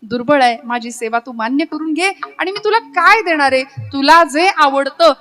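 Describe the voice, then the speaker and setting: A woman's voice: high-pitched, normal speed. A woman with a Marathi accent giving a devotional kirtan sermon, telling stories with acted dialogue and sung verses. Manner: lively storyteller, acts out dialogue, breaks into sung verses. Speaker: kirtan performer.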